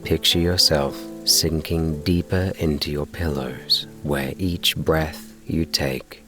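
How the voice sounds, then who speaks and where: A man narrating a bedtime sleep story in a soothing, unhurried, gently measured way. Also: very deep voice, steady tone, music in the background. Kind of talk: slow bedtime relaxation narration and story reading.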